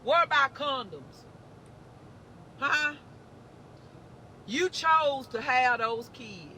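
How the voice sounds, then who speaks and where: A man's voice: very high-pitched, bright, forceful tone, slight background noise. A man in a played clip, delivering a preachy, slangy rant that scolds the listener directly. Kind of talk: preachy street-talk rant.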